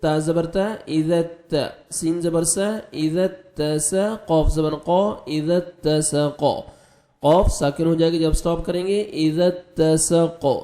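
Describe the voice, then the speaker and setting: A man teaching Quran recitation, spelling out letters with their vowel marks slowly, then explaining rules quickly, and chanting verses in long drawn-out tones. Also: fairly high pitch, warm tone, echoey room. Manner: draws out recited words in slow chant.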